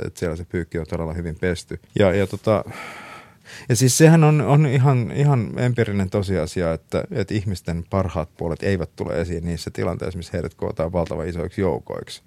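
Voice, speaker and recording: A man's voice: deep voice, a little mellow, no room sound. A middle-aged man, a talk show guest, telling stories in a chatty way with many fillers and frequent laughs. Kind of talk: casual storytelling interview.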